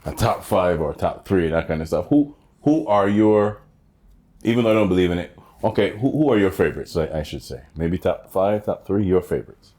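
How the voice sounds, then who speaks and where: A man from Jamaica co-hosts a relaxed comedy podcast in a low, deep voice. He asks questions with repeated starts and fills the pauses with short acknowledgments. He keeps to a steady, conversational pace. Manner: steady listener, frequent "right" backchannels, repeats words. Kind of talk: casual podcast chat.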